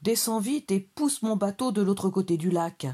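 A woman's voice: mid-range voice, expressive, moderate pace, mellow, breathy edge, pitched above the performer's own voice. A woman voicing a small, impatient young boy mouse who calls out urgently and demands help.

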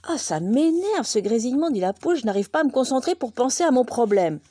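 A woman voicing a fretful female hen who muses aloud, with a lively voice raised higher and drawn out. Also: quick pace, no echo, studio quality. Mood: irritated.

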